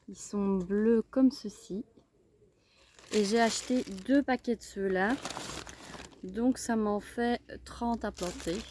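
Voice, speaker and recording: A woman's voice: medium pitch, darkish tone, slight background noise. A woman with a Belgian French accent chatting casually about her garden and bulbs, with many fillers and restarts, recorded outdoors. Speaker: gardening vlogger. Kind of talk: casual chat.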